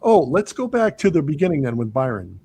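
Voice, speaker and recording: A man's voice: a little high, fairly quick, creaky, slightly rough, dry recording. A man hosting a podcast, casually talking through a film and acting out its lines as he goes. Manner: animated retelling, quoting movie lines. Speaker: podcast host.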